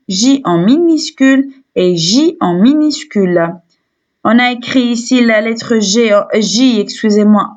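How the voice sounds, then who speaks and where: A woman with a Tunisian French accent teaches young children to read, spelling out letters and repeating syllables over and over. She speaks very slowly, in a fairly high voice. The recording sounds dull and lo-fi. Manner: slow and deliberate, repeats syllables several times. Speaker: primary school teacher. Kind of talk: slow phonics lesson for young children.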